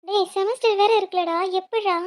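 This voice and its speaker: A woman voicing a quick-tempered young female student, sharp and worried for her family. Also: very high voice, steady tone, pitched above the performer's own voice.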